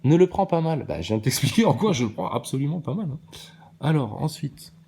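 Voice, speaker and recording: A man's voice: on the high side, sing-song, fairly quick, gravelly, mellow, husky. A man giving a ranting monologue to his commenters, combative and preachy with a sarcastic edge. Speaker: video maker answering viewer comments.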